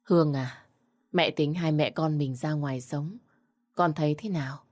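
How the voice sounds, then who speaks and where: Weary young widow in a storybook, restrained and low, voiced by the narrator. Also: female voice, moderate pace, a little mellow, close to an everyday voice. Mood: tender.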